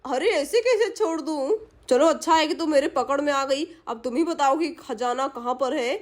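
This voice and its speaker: A woman's voice: high-pitched, moderate pace, lightly acted. A woman voicing a greedy male village thief who mutters his plans to himself and gloats.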